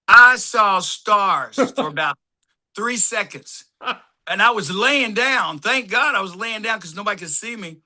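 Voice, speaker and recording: A man, an actor guest, telling lively anecdotes and acting out what others said, laughing often. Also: sits high. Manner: animated anecdotes, acts out quotes, laughs often. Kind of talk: casual storytelling.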